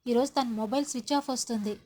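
A woman's voice: a little high, quick pace, darkish tone, close to an everyday voice. A woman voicing an angry young man who accuses another man of hiding a missing girl. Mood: accusing. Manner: accusing, demanding.

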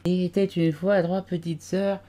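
A man voicing a sleepy male dormouse in a storybook, with a faint, hoarse voice and a slow, drawn-out way of talking. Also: high voice, flat delivery, warm tone, pitched above the performer's own voice. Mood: drowsy. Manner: drowsy, drawn-out.

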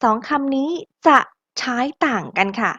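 Slow, lively woman teaching English. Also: a little high, breathy edge, no room sound, dull audio. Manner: slow, drilling pronunciation with call-and-repeat. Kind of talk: audiobook English lesson.

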